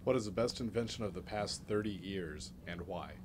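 A man off camera reading interview questions in a brisk, plain way. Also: low voice, background noise.

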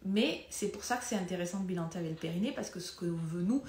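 In an echoey room, a woman physiotherapist teaches a live pelvic floor health session in a low-ish, darkish voice with lively intonation and a quick pace. Her talk is conversational; she drifts off topic, finds her way back, and moves around as she demonstrates.

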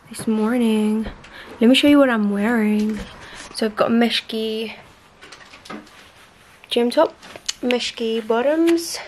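A woman's voice: a little high, darkish tone, slight background noise. A young woman talking in a gushing casual vlog, groggy from just waking up. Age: young adult. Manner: gushing, says "literally" and "wow" a lot. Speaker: vlogger.

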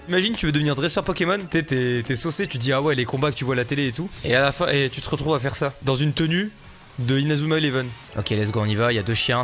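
This is a male gaming YouTuber of medium pitch doing a let's-play. His commentary is loose and jokey, full of slang and energy, and aimed right at his viewers.

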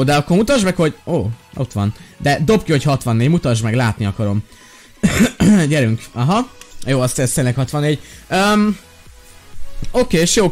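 A man's voice: mid-range voice, a little mellow. A young man chatting casually while playing a game, joking and sounding exasperated as he talks to his companions. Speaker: Minecraft gaming video host. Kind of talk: casual gameplay chat. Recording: faint background music.

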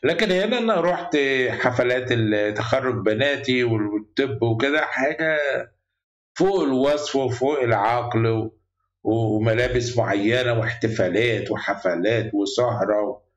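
A man's voice: medium pitch, normal speed. Egyptian man reading aloud and commenting. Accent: Egyptian Arabic. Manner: reads translated passages, then explains them in loose colloquial asides. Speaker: channel host. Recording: roomy, dull lo-fi sound.

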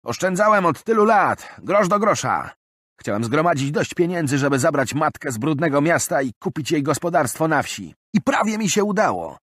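A man's voice: fairly high pitch, big pitch swings, normal speed, a bit bright, no room sound, clean studio sound, voice pushed up. A man doing an aggrieved stout bald man. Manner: pleading, aggrieved.

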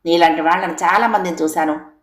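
A woman's voice: fairly low pitch, brisk, lightly acted. Unyielding older man with firm retorts, done by a woman narrator, audio story, roomy sound. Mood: defiant. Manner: firm, retorting, matching anger.

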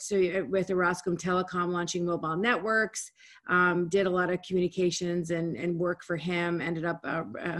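An energetic woman, speaking at a low pitch over a video call. Her talk is conversational and lively, with quick bursts and restarts. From United States. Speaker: guest speaker. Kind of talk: webinar presentation. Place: home room, indoors.

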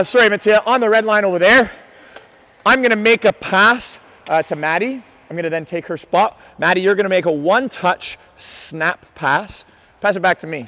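A male hockey coach with a high, fairly bright voice shouts drills and instructions on the ice. The indoor rink is noisy, and his commands come out urgent, repeated, and encouraging.

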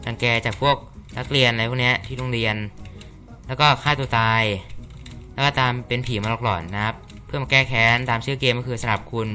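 A man gives casual game commentary, reacting aloud and chatting as he plays. His voice is bright and forward, at an ordinary pitch for a man. Faint game music runs underneath. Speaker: gaming channel host.

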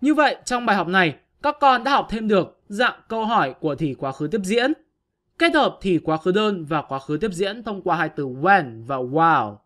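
A man's voice: high-pitched, sing-song, moderate pace, fairly bright tone. A male teacher giving an online grammar lesson, patiently explaining step by step to his pupils.

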